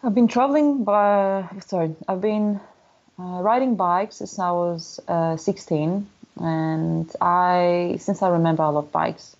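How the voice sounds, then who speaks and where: A woman's voice: lowish voice, takes it slowly, a little mellow, dull audio. A woman in her thirties from Poland with a Polish accent, talking candidly in a casual interview, full of restarts and "you know" fillers. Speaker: guest, motorcycle traveler.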